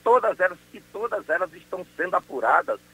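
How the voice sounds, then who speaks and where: Um homem, promotor de justiça, falando por telefone numa entrevista de rádio matinal, enfático e indignado. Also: male voice, sits high, sing-song, quick pace, sharp tone, husky, rough recording. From Brazil. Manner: emphatic, indignant, insistent. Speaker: public prosecutor. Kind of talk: phone interview on morning radio.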